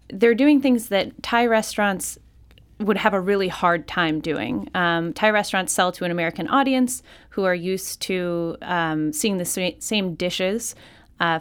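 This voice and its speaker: A woman's voice: on the low side, smooth. A woman magazine editor on a radio interview, explaining in a thoughtful way with frequent ums. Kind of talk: studio interview. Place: radio studio.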